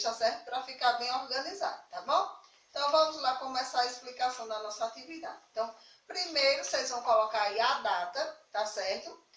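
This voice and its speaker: Brazilian woman, primary teacher, warm and patient; a little away from the mic. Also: sits high, roomy sound, far from the mic, low-quality recording. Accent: Brazilian Portuguese. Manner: affectionate, slow and patient, stresses key words. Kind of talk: recorded remote class for young children.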